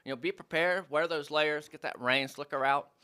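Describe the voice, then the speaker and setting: A man hosts a local morning show from the studio, chatty and upbeat. His voice sits a little high and rings bright and forward. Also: moderate pace, clean tone. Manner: chatty, eats on air, upbeat. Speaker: studio host. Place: indoor studio.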